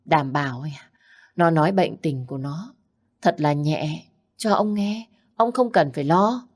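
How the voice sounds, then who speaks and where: Brief: woman playing a low-voiced, conniving stepmother, sharp and complaining. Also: unhurried. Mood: scheming. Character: scheming middle-aged stepmother, shrill and nagging.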